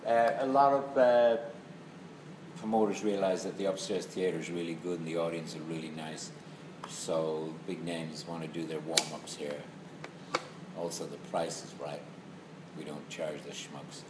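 This interviewee, a middle-aged comedy venue operator with a west of Ireland accent, has a rumbling low voice, a level tone, and a normal speed. His casual, joking chat takes the form of a wry, mock-serious rant, heard in an echoey room with clear background noise.

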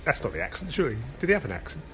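A man co-hosting a podcast, chiming in with quick, mock-naive, teasing questions. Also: on the high side, big pitch swings, fairly bright tone, slight background noise. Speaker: podcast co-host. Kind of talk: casual chat.

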